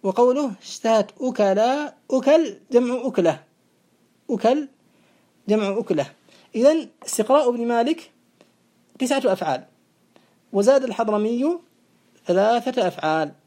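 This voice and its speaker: A woman gives a classical grammar lesson in a mellow, fairly high voice. She explains step by step in a measured way and slows down to recite verse. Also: lively intonation. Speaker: teacher.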